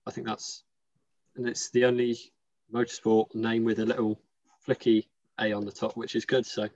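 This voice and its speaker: A man's voice: lowish voice, little pitch movement, moderate pace, darkish tone, highs cut off. A man with a modern British accent chatting casually as a podcast co-host, rambling and joking as he goes. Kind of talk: casual chat.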